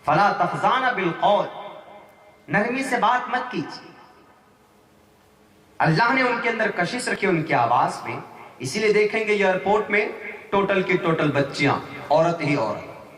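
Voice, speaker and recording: Animated preacher, high bright voice. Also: male voice, pauses often. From India. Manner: animated, emphatic, recites Quranic Arabic. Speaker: Islamic preacher. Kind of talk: sermon. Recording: echoey hall, mic far off.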